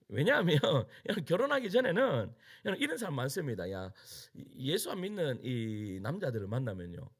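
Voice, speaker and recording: A middle-aged man preaching in a Gyeongsang Korean accent, his voice gravelly and a little husky. His pitch leaps widely as he tells stories and acts out quotes. He sits a bit high for a man. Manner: animated storytelling with acted-out quotes and frequent laughter. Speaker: pastor. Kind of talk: sermon. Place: church sanctuary.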